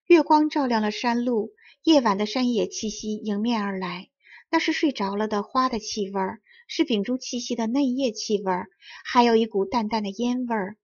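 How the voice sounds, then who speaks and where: A woman reading a children's story aloud in clear, carefully enunciated storybook narration. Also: medium pitch, a little mellow, dull audio. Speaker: audiobook reader.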